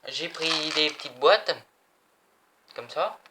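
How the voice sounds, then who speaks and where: A man's voice: a little high, animated, slow pace, noisy background. A young man chatting casually in a vlog, rambling and repeating himself. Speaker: vlogger. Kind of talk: casual chat showing souvenirs.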